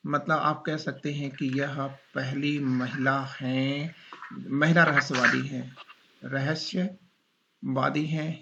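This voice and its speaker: A male teacher giving a classroom lecture, dictating slowly and repeating points as he asks his students questions. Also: medium pitch, a bit bright, lo-fi sound.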